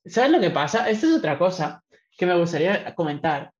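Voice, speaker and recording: Very animated and brisk, a man with a high voice chats casually about a film, though he meanders and hedges in a laid-back style. The echoey recording has a dull lo-fi quality.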